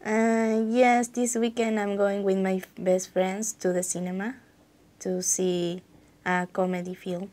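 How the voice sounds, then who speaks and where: Woman, slow halting delivery, low flat voice. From Argentina. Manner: halting, simple phrasing. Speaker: exam candidate. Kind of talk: spoken English exam answers.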